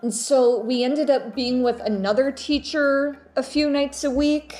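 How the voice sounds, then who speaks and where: A woman's voice: sits high, fairly even intonation, a little mellow. A young woman vlogger chatting casually and telling personal stories, often stopping and repeating her words as she goes. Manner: halting, repeats words and phrases.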